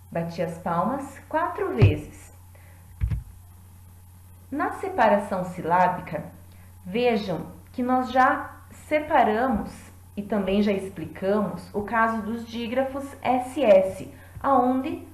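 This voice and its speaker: A woman teacher giving a lesson in a clear, deliberate way, clapping out syllables. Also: a little high, echoey room, low-quality recording. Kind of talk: classroom lesson.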